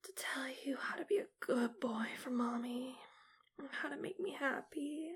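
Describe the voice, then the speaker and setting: A woman whispering slowly and teasingly in an ASMR roleplay, right up close to the mic. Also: high-pitched. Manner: soft breathy whisper, slow and teasing. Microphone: close mic, right at the ear.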